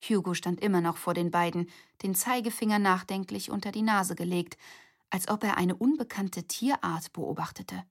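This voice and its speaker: A woman reads a children's story aloud with a lively, expressive delivery. Her voice sits a little low for a woman. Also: normal speed. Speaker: narrator. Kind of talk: audiobook narration.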